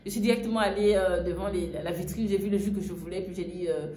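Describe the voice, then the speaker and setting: A woman's voice: fairly low pitch, steady tone, fast talker, mellow. A young woman from Gabon, casually telling a travel story, full of fillers and asides. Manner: chatty, frequent fillers and "en fait". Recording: echoey room, faint ambient noise.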